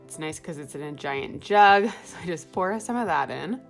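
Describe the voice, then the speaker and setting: A woman's voice: low-pitched, animated, moderate pace, faint music behind. A young woman talking casually as a home vlogger, narrating her cleaning routine in a chatty, friendly way with lots of fillers.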